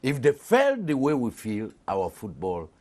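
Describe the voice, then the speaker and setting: A man from Cameroon, a panelist on a studio discussion show, explaining in an animated way with hesitations. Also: mid-range voice, a little slow.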